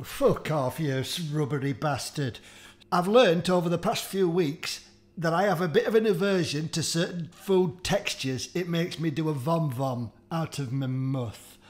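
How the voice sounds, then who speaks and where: A man, his voice sitting a touch higher than most men's, hosts a comedic food-tasting vlog. He swears freely, groans and complains with theatrical disgust, and plays up every bite for laughs. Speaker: food challenge host.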